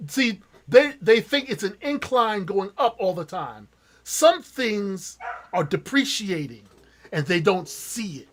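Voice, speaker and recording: A man with a high voice speaks slowly and deliberately, taking his time over each thought. As the podcast host, he sounds earnest and reflective and often chimes in to agree with his guest. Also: big pitch swings, a bit bright. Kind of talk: casual conversation.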